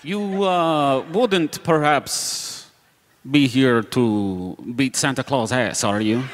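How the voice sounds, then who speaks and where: A man's voice: medium pitch, takes it slowly, lightly acted. A man voicing a weary, discouraging bartender in a tabletop game, dry and exasperated with formal phrasing. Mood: dry, wry. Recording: reverberant hall with some noise.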